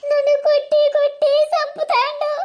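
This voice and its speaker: A woman's voice: extremely high pitch, completely flat delivery, normal speed, darkish tone. A woman voicing a young, mistreated village bride who whimpers and pleads. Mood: self-pitying. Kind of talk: animated village comedy voice acting.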